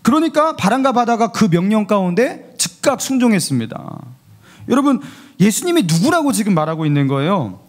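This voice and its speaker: A man's voice: high voice, big pitch swings, a little fast. A man, the pastor, preaching a Sunday sermon and asking the congregation questions as he goes.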